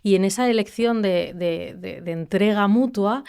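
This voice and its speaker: A young woman from Spain talks in a middle-pitched voice. She thinks aloud, restarts her phrases and often ends on a questioning "no". The delivery stays reflective and conversational. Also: normal speed, vocal fry, darkish tone, smooth. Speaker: podcast co-host. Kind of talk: conversational panel talk.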